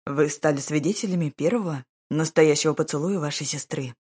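A woman voicing a calm, self-assured duke who speaks in a dry, ironic and level way, with a slightly husky voice. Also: sits low, a little fast.

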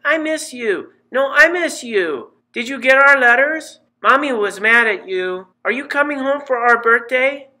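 A man voicing excited six-year-old twin girls who squeal their questions in a storybook reading. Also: very high voice, unhurried, hardly any pauses, pitched above the performer's own voice, full character voice. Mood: excited, eager.

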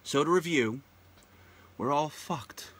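A man's voice: on the high side, slow, fairly bright tone, slightly rough. A man hosting his own show, delivering a profane, indignant and sarcastic ranting monologue that hammers its words through repetition. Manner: repeats words heavily for emphasis. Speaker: show host.

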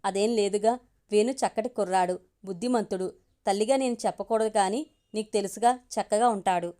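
A woman narrating and voicing a tactful, witty wife in an audio story, soft and persuasive in her speech. Her pitch stays in the everyday middle range. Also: brisk, lightly acted. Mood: gentle.

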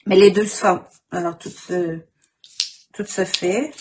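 A woman with a Quebec French accent and a husky morning voice, informally demonstrating an art technique and often clearing her throat. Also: lowish voice, fairly even intonation, takes it slowly, background noise. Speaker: craft instructor. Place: indoor craft worktable.

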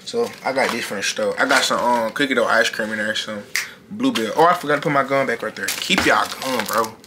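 A man's voice: medium pitch, quick pace. A young man chatting casually to his vlog camera at home in a bedroom, slangy and repeating his phrases. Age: young adult. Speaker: vlogger. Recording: clearly noisy background.

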